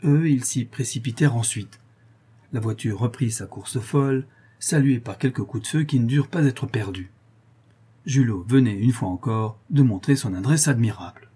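Husky, dark-voiced male narrator. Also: medium pitch, moderate pace. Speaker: audiobook narrator. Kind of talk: scripted narration.

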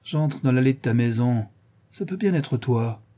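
A brutal male bandit fresh from the prison hulks, spitting slangy threats in a raised, husky voice. A man acts him out in a storybook reading. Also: mid-range voice, animated, a little slow, warm tone. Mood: menacing.

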